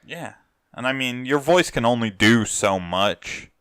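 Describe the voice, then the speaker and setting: A man's voice: mid-range voice, expressive, unhurried, fairly bright tone, smooth, no room sound, clean studio sound. A young man co-hosting a casual gaming podcast, joking and swearing casually. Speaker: podcast co-host.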